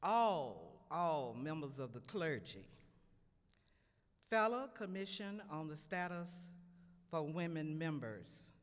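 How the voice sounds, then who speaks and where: Slow, lilting woman praying in a hall. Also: low-pitched, big pitch swings. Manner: slow, solemn, rising and falling delivery. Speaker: invocation speaker. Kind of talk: public prayer. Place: banquet hall at a luncheon ceremony. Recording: long reverb in a large hall.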